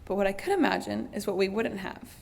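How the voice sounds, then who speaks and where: A woman's voice: medium pitch, expressive, a little fast, gravelly, in a large hall, slight background noise. A young woman giving a short family speech at a graduation, lightly, with a few "um"s. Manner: light, with filler "um"s. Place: event hall.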